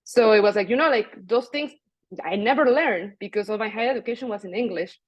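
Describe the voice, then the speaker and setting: A woman from Mexico whose first language is Spanish speaks in a chatty, conversational way on an online panel. Her voice sits at a middle pitch. The sound is dry, with a slightly muffled lo-fi edge. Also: fairly quick, husky, dry recording. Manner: chatty, conversational, quotes herself in retellings. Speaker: panelist, international development professional. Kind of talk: informal panel talk, personal career story.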